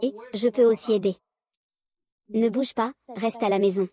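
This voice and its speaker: A woman's voice: fairly high pitch, steady tone, normal speed, dark tone. A woman reading the dialogue of a dubbed drama, voicing every part in the same unchanging voice. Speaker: voice-over reader of a drama recap.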